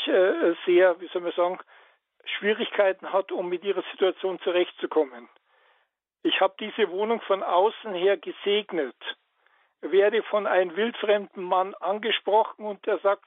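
A man's voice: high-pitched, no room sound. A man calling in to a radio show, earnest and hesitant, with many fillers. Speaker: caller. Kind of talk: phone-in call. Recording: tinny dry phone line.

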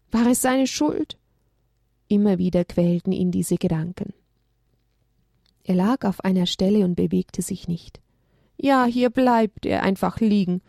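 Woman storyteller, children's story reading, slow pace, mellow dark tone, dry close sound. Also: mid-range voice, dry recording. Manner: expressive, dramatic storybook reading.

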